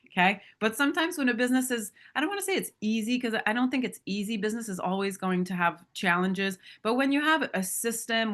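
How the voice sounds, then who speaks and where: A woman's voice: mid-range voice, fairly bright tone. Candid woman speaker telling stories. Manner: candid, storytelling, asks the audience questions. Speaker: motivational speaker at a sales training. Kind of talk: motivational talk to an audience.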